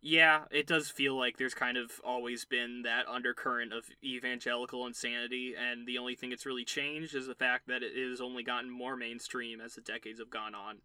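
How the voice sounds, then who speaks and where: A man's voice: mid-range voice, level tone, brisk, few pauses, bright, forceful tone, clear, resonant tone, no room sound. A man in his twenties co-hosting a podcast, talking in a loose, joking way with plenty of fillers. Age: 20s. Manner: laid-back, joking, loose phrasing with fillers. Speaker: podcast co-host. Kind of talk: casual chat.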